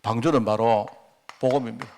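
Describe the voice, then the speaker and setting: A man's voice: mid-range voice, steady tone, a little fast, a little mellow. A middle-aged man preaching a sermon as a pastor, telling a personal story in a conversational way and often throwing rhetorical questions to the congregation.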